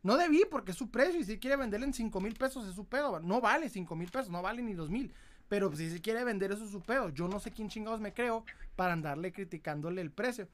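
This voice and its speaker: A man with a Mexican Spanish accent hosts a collectibles livestream, telling rambling, profane anecdotes in casual chat. His high voice moves quickly with lively intonation.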